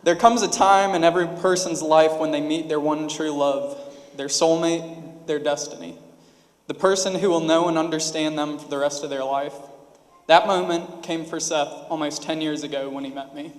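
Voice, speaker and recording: A man's voice: fairly high pitch, fairly even intonation, normal speed, long reverb tail. A man in his twenties giving a formal, prepared wedding toast speech as best man. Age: 20s. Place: wedding reception hall.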